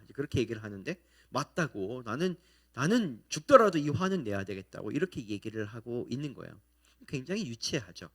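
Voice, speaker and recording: A man preaching a sermon as pastor, asking his listeners questions and acting out the quoted lines in animated voices. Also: medium pitch. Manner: asks the congregation questions.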